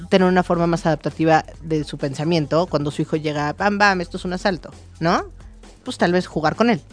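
A woman's voice: fairly low pitch, a little mellow. A woman, a therapist co-hosting a casual chat show, explaining ideas through examples with many fillers and restarts. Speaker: therapist co-host.

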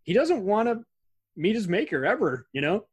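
A man hosting a podcast in casual chat, relaxed and talkative, laughing often. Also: sits high, moderate pace, slightly rough, no echo. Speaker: podcast host.

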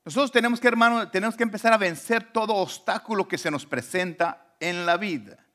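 A man, preaching a sermon in a church, dropping to soft low asides and then rising to emphatic lines. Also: fairly quick. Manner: retells scripture with acted quotations. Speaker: pastor.

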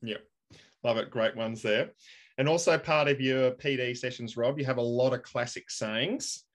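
A man's voice: mid-range voice, normal speed. A man hosting a casual interview, giving short, enthusiastic reactions and questions. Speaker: interview host.

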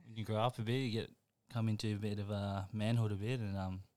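A man's voice: lowish voice, level tone, quick pace, darkish tone, clean tone, dry recording. A young man, a podcast guest chatting casually, laid-back and laughing often as he trails off mid-sentence. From New Zealand. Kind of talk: casual chat.

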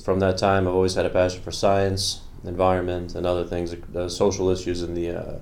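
A man's voice: sits low, completely flat delivery, fairly quick, a little mellow. A man in his late twenties from Bosnia, talking earnestly as a podcast guest, rambling with fillers. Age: late 20s. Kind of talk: casual interview talk.

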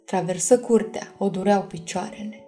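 A woman narrating a fantasy audiobook in a calm, measured reading. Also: mid-range voice, soft background music. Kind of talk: scripted storybook narration.

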